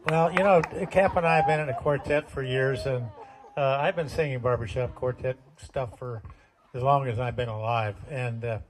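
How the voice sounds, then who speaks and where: A man's voice: medium pitch, steady tone, normal speed, slight background noise. An older man telling folksy, self-deprecating jokes as stand-up comedy at a community talent show.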